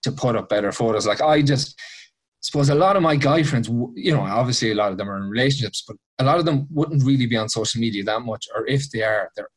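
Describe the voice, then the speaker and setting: A man's voice: medium pitch, fast, slightly rough. A man with a west of Ireland accent chatting casually and giving his opinions in a colloquial, anecdotal way.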